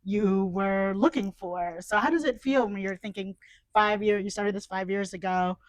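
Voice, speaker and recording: A woman from New York City hosts the interview and encourages her guest with quick affirmations. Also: mid-range voice, dry recording, rough recording. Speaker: interview host. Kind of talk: conversational interview.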